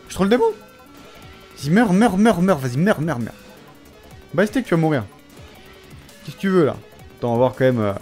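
A man casually commentating his gameplay, talking straight at the characters, mocking and taunting enemies, dropping from low muttering to excited yelps. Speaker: let's play gamer.

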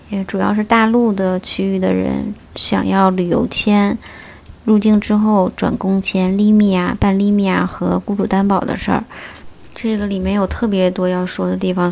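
A woman talks viewers through their questions in a steady, explanatory voice-over. Her delivery stays level and even, with a gravelly, fry-touched edge. She strings her points together with small connective fillers. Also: mid-range voice. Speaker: vlogger answering viewer questions.

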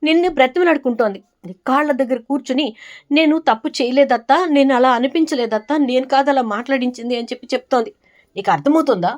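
A woman's voice: high voice, fast, a little mellow, natural voice. A woman voicing a grown son who earnestly pleads with his mother. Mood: pleading.

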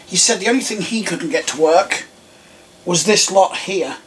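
In a small room at home, a thirtysomething English tech vlogger displays computer parts, relaxed and rambling with plenty of ums. He speaks at a moderate pace in a croaky voice that sits high. He's far from the camera mic, slightly off-mic, with faint room noise behind him.

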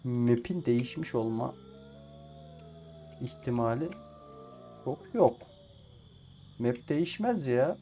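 Slow and expressive, with long pauses, this streamer's warm mid-range voice carries over faint music. He offers casual let's play commentary on a survival game, talking to himself and the characters while frequently swearing at the game out of frustration.

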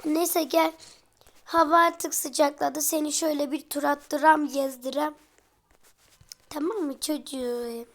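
A woman with a talks to her viewers in a high voice. She sounds chatty and exasperated, and she keeps throwing jokey asides to the people watching. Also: fairly even intonation, unhurried, long pauses. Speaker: vlogger. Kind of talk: comedic role-play vlog.

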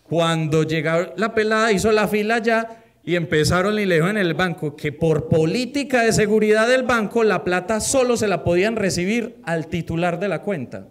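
A man with a Colombian Paisa accent doing an animated stand-up set, tagging his punchlines with a quick questioning grunt. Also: high-pitched. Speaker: stand-up comedian. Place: comedy stage before a live audience. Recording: live show with a loud audience.

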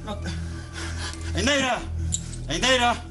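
A man's voice: on the high side, expressive, fairly quick, over music, close to an everyday voice. A man playing a fussy flustered old Cuban man. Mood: flustered fussing. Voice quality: fretful, exclaiming often. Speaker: old man in a comedy sketch. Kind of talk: TV sitcom acting.

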